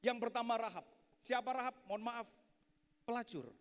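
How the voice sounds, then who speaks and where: A man in his thirties preaches with animated humor, telling family stories and calling out to the audience. His voice sits very high for a man. A long reverb from a large hall trails every phrase. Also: normal speed. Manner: animated and joking, addressing the audience as sir. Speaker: pastor. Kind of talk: lively sermon with storytelling. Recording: echoey hall.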